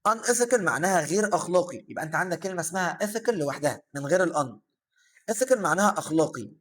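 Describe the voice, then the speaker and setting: A young man with an Egyptian Arabic accent teaching an English vocabulary lesson. He explains each term, asks himself questions and answers them, filling pauses with "aah". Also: fairly high pitch, lively intonation, husky. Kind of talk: vocabulary lesson for secondary students.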